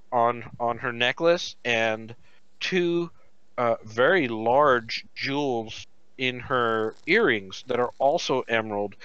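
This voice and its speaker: A man narrating as game master over an online call, taking his time and describing each detail at length. His voice is bright and clear, but the audio is dull and lo-fi with no room sound. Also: mid-range voice, dry recording. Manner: descriptive and unhurried, with many fillers.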